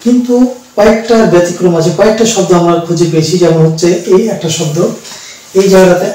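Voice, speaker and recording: A man with a fairly high voice gives a patient pronunciation lesson, repeating himself and pausing with fillers. He sits back from the mic in a very echoey room, so his voice rings around the space. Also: dark tone, recorded from a distance. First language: Bengali. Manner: slow, repetitive explaining with fillers. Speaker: English teacher.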